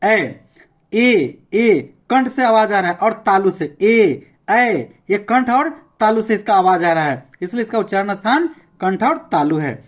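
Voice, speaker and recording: A male teacher gives a classroom grammar lesson. He says sounds one by one, slowly and with care, and keeps urging listeners to pay attention and try them aloud. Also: sits high, animated. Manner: repeats sounds slowly, enunciating each one as a demonstration.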